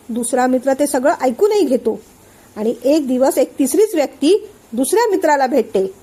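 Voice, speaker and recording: A woman's voice: sits high, warm tone. A woman voicing an angry, suspicious young man who keeps firing accusing questions. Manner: accusing, hot-tempered questioning.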